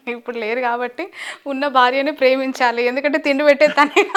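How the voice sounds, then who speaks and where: A woman hosting an interview, expressive and reacting with short hums. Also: high-pitched, normal speed.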